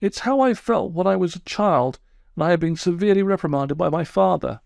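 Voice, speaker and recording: A man doing a high, sulky male toad. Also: expressive, brisk, gravelly, darkish tone, no echo, studio quality. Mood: plaintive. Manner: sulky, wounded, plaintive. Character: self-pitying, touchy male toad, proud.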